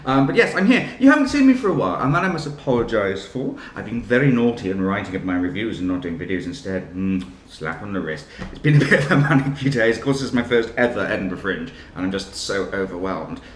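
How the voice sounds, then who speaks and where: A man's voice: on the low side, expressive, fast talker, hardly any pauses, slight background noise. Gushing male theatre reviewer, echoey room. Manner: enthusiastic, self-deprecating, gushing. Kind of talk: chatty video review. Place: room with music playing.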